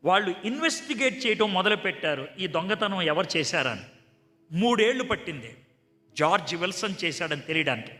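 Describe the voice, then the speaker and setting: A man's voice: sits high, brisk. A man preaching a sermon, telling stories and acting out their dialogue. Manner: animated, acts out dialogue in a conversational tone. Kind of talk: sermon with storytelling. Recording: echoey hall with faint music.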